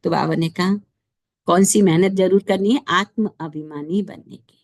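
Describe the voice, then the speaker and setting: A woman's voice: fairly low pitch, steady tone, moderate pace, darkish tone, no echo, clean studio sound. A woman giving a devotional sermon, explaining patiently and often asking rhetorical questions. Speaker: spiritual teacher explaining a daily lesson.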